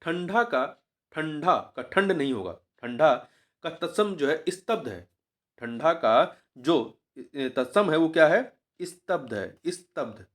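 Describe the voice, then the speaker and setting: A man's voice: a little high, expressive, slow. A man teaching as an exam coach, going through a grammar test paper, patiently repeating each word and spelling it out syllable by syllable.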